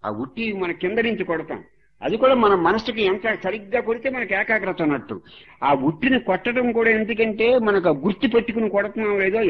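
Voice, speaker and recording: A man's voice: high-pitched, dull audio. A man giving a religious discourse as a spiritual teacher, moralizing and repeating each point to drive it home.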